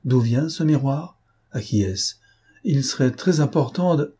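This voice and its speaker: A man's voice: medium pitch, animated, a little slow, dark tone, slightly rough, pitched above the performer's own voice. A man voicing Arsène Lupin, pleading and urgent. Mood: puzzled. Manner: urgent, rising questions. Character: gentleman thief, agitated and pleading man. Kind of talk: audiobook character voice.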